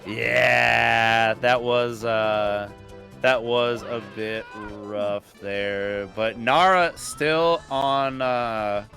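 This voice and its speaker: A man's voice: medium pitch, steady tone, drawn-out words, gravelly, pushed and bright, soft background music. A young man giving casual live speedrun commentary in a laid-back, slangy, rambling way.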